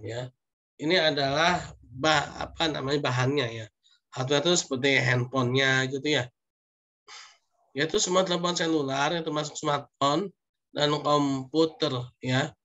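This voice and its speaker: A man's voice: fairly high pitch, pushed and bright. A man lecturing online, reading through slide points with frequent "ya" and "nah" asides.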